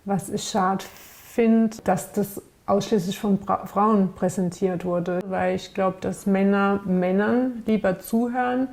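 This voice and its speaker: Mellow-voiced woman in her fifties. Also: mid-range voice, fairly even intonation, slow, gravelly. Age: 50s. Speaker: interviewee. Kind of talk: documentary interview answers.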